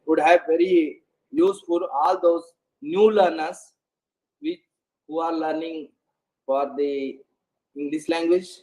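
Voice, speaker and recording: A man's voice: on the high side, fairly even intonation, slow, long pauses, a little mellow, poor audio. A man giving a lecture on English intonation to learners, hesitant, with many fillers and restarts. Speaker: English pronunciation presenter.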